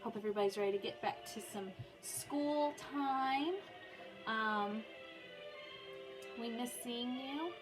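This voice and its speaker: Speaking slowly and pausing often, a young adult music teacher reads a biography aloud to her pupils. Her voice is a little high, and she's informal, with casual asides and frequent breaks to comfort a small child. The recording quality is low.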